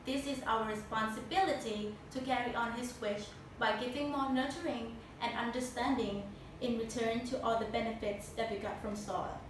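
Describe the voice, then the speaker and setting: A woman's voice: a little high, steady tone, normal speed. A young woman with a Thai accent delivers a memorized competition speech in a stiff, rehearsed way. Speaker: speech contestant. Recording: very echoey room, distant mic, noisy.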